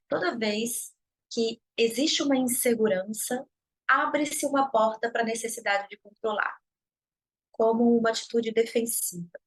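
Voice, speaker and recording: A Brazilian-accented woman talks through advice in a relaxed, chatty live stream. Her voice sits a touch high, and she keeps checking in with little tag questions. She often slips into acted snippets of everyday arguments. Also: rough recording. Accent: Brazilian Portuguese. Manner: chatty, uses many tag questions and acts out everyday dialogues. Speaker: host of a self-development live stream. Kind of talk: conversational advice talk.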